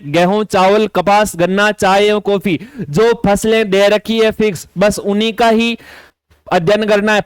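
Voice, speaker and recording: A man's voice: sits high, clear, resonant tone, no echo. A man teaching as an exam coaching tutor, walking through a syllabus list and repeating key instructions. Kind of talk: syllabus walkthrough lecture.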